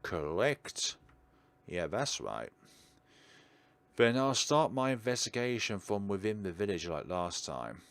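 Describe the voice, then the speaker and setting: A gravelly, lowish voice with a sing-song lilt comes slowly, broken by long pauses, in a dry recording. The gaming host reads visual novel text expressively for a let's play, dropping chatty comments over game music.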